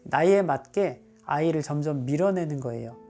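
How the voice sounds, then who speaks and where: A male psychiatrist calmly explaining advice for parents, now and then acting out what a parent or child would say. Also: a little high, normal speed, faint music behind.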